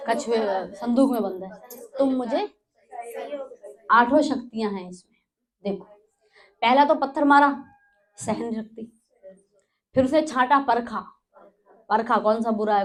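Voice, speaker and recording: A woman giving a spiritual lesson to a class, telling a story and quizzing listeners with repeated recaps. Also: a little high. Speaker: spiritual teacher. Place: in front of a class.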